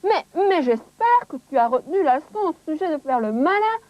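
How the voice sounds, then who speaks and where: A woman playing a kind, gently chiding girl in a dubbed children's cartoon, on dull tape audio. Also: high voice, big pitch swings, brisk.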